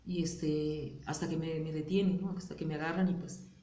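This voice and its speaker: A woman's voice: low voice, fairly even intonation, moderate pace, dark tone, reverberant, slight background noise. A woman with a Mexican Spanish accent, speaking candidly and hesitantly in a personal testimony interview, with many fillers and tag questions.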